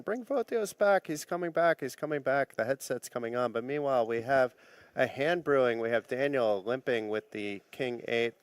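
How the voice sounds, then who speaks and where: Smooth-voiced man calling poker. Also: mid-range voice, no room sound. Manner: easygoing play-by-play, light joking. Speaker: poker commentator. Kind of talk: live poker commentary.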